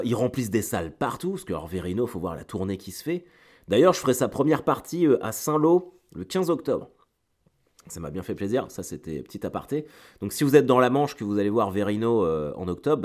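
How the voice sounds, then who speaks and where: A middle-aged stand-up comedian hosts his solo weekly podcast, his fairly low, darkish voice slightly congested from a cold. He talks casually to listeners in a slangy, digressive way, drifting into asides, repeating words and hunting for phrasing.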